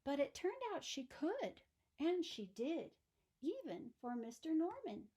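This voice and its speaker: In a high, sing-song voice with a dark tone, a woman tells a children's story slowly and deliberately. She reads with expression, placing emphasis to suit young listeners.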